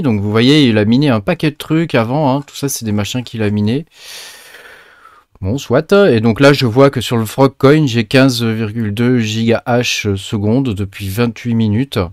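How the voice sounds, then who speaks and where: A man's voice: mid-range voice, unhurried, darkish tone, no echo, studio quality. A man hosting a casual screen-share tutorial, chatty and hesitant, with many filler sounds and restarts as he talks viewers through each step. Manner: chatty, addresses viewers directly. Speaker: crypto mining tutorial host.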